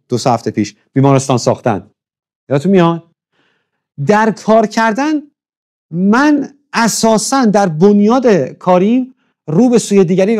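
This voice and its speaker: A man with a voice on the high side and a darkish tone teaches a church class as a conversational lecture. He keeps pausing to ask his listeners questions and checks how he pronounces foreign words.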